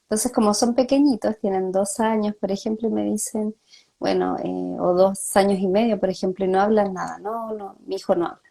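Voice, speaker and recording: During a live-streamed chat, a woman speech therapist explains things patiently at a moderate pace with fairly even intonation. Her mellow voice is low in brightness and has a gravelly fry, and she acts out the words of the parents she quotes by slipping into their voices.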